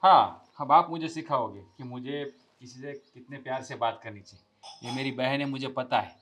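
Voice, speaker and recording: A man's voice: mid-range voice, moderate pace, fairly bright tone, natural voice. An actor playing a rude, quarrelsome younger brother who scolds his family harshly. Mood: scolding. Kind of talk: scripted family drama acting.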